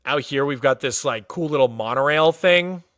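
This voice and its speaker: There's no room sound around this mid-range male voice, which moves at normal speed. A Massachusetts, USA native, he chats casually on a livestream as he tours a game world, relaxed and peppering his talk with "like."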